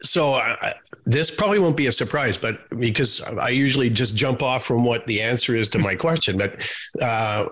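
A man's voice: medium pitch, moderate pace, bright, forceful tone. A man hosting a podcast, asking long, loose questions that restart and wander before landing. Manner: rambling, self-interrupting questions. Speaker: podcast host. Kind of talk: casual interview questions.

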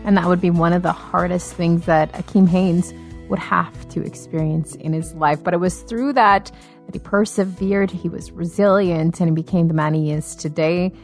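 A woman's voice: lowish voice, steady tone, normal speed, soft background music. A woman presenting a talk show, reading an upbeat scripted introduction of the guest.

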